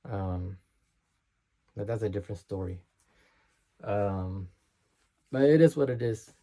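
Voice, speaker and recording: Gravelly, hesitant man vlogging. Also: on the low side, slow, mellow. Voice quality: slurs his words. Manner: hesitant and self-conscious, with many restarts. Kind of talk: unscripted talk to camera.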